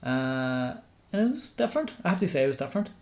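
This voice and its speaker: A man's voice: mid-range voice, sing-song, fast, darkish tone. A man co-hosting a podcast, easygoing and rambling. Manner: easygoing, laughs along, rambling. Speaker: podcast co-host. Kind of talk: casual wrestling podcast chat.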